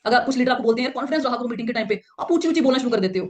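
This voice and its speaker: A woman runs through a training talk at a very rapid clip, her voice sitting a little high. She teaches point by point, keeps checking in with her listeners, and slips into a pleading voice to act out example lines. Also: animated. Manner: acts out quoted examples in a pleading voice; explains by points, with frequent checks like "ठीक है". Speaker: network marketing trainer. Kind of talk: slide-based training talk.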